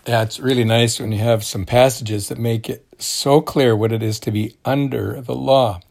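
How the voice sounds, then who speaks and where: A man's voice: medium pitch, steady tone, moderate pace, creaky, a little mellow. A man co-hosting a daily devotional program, talking through scripture in a genial, preaching way. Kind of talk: devotional radio talk.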